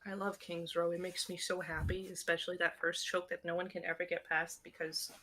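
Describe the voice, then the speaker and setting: A woman casting a live esports match, bubbly and quick to laugh, using casual slang. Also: lowish voice, level tone, sharp tone, slight background noise. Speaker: esports caster.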